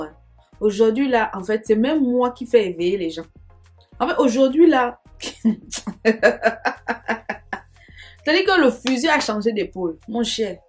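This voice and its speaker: Young woman doing a storytime vlog, kinda high voice, rambling chatty asides, faint music behind. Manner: lively, chatty, digressive, with sayings and asides. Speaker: storytime vlogger. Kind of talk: casual storytime monologue.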